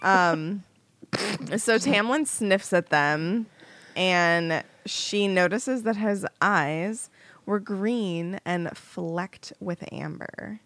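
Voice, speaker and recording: A woman's voice: mid-range voice, very slow, a bit bright, dry recording. A woman co-hosting a casual book-club podcast, recapping the chapter with hesitant fillers. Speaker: podcast co-host.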